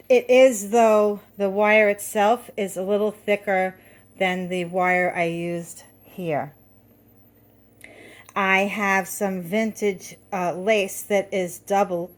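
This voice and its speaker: A middle-aged woman hosting a craft video from her home, chatting casually with lots of fillers and restarts, a little out of breath. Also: mid-range voice. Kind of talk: casual show-and-tell.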